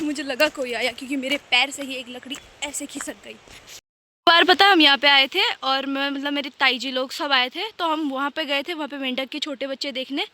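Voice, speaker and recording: A woman's voice: high-pitched, bright, forceful tone. A young woman vlogging while walking a mountain trail, chatty and self-mocking, tired from the climb, talking into a handheld phone. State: tired from hiking. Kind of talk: casual hiking vlog. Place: mountain trail outdoors by a river. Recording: faint background noise of a river.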